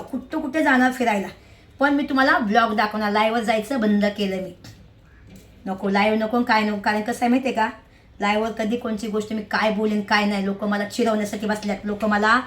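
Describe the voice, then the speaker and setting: A woman's voice: on the high side, brisk. A middle-aged woman vlogging casually, chatty and emphatic, often asking her viewers if they agree. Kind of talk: casual rambling vlog to viewers.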